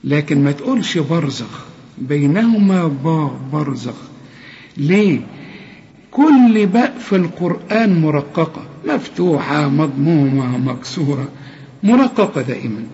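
High-voiced Egyptian man teaching recitation. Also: expressive, normal speed, darkish tone, slight background noise. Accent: Egyptian Arabic. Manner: corrective, repeats sounds and asks the listener questions. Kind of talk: tajweed lesson with recited examples. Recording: dull lo-fi sound with long reverb.

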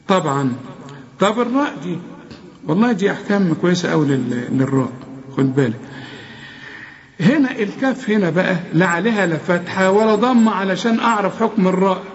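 A man with an Egyptian accent teaching Quran recitation. He asks and answers his own questions, repeats words slowly, and chants verses. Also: high-pitched. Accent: Egyptian Arabic. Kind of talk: tajweed lesson with chanted recitation. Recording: dull lo-fi recording.

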